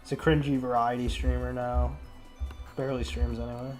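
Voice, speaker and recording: A man's voice: medium pitch, little pitch movement, fairly quick, a little mellow. Young male streamer, sick, rambling profane chat over faint background music. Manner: rambling, heavy filler words, profane. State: sick, congested.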